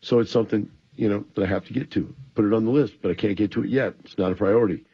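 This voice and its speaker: Male talk radio host, low and slightly husky, a bit groggy, explanatory monologue, dull band-limited audio. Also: fast. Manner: explanatory, addresses listeners directly. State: a little groggy from antihistamines.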